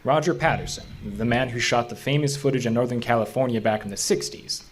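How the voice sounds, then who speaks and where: In a naturalistic audio drama, a man plays a level-headed park ranger who is skeptical but quietly curious. He speaks quickly and conversationally, hesitating now and then, in a mid-range, everyday-sounding voice with a probing, curious mood. There is slight background noise.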